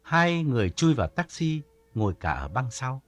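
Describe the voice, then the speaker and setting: A man narrating an audiobook story in a calm storytelling manner. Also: mid-range voice, moderate pace, no room sound, faint music behind.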